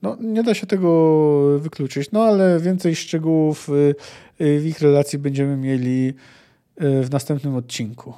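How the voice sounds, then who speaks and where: A man's voice: a little high, moderate pace, mellow. A man hosting a book discussion podcast, talking hesitantly with frequent filler sounds. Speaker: podcast host discussing a novel.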